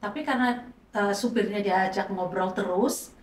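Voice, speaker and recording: A woman's voice: mid-range voice, moderate pace. Middle-aged woman sharing a heartfelt testimony, roomy sound. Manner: conversational, acts out quoted dialogue. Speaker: pastor's wife giving a testimony. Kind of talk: emotional personal testimony. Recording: roomy, distant mic, faint noise.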